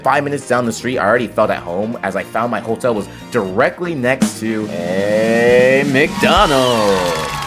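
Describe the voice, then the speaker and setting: Rambling, excitable man vlogging. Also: on the low side. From California, USA. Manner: rambling, excitable, laughs often. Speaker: travel vlogger. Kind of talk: casual vlog narration.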